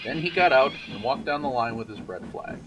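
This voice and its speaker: A man narrating a children's railway storybook in an expressive, measured way. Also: mid-range voice, over music. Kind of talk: storybook reading.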